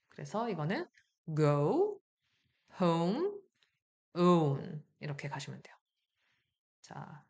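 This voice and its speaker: Woman teaching pronunciation, low voice. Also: lo-fi sound. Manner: explains patiently, modeling words slowly and repeating them. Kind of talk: explanatory lesson.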